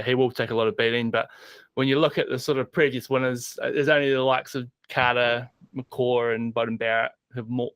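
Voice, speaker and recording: A man chatting as a podcast panelist, halting and thinking out loud. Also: mid-range voice, creaky, no echo. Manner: hesitant, lots of ums and restarts. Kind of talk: casual sports chat.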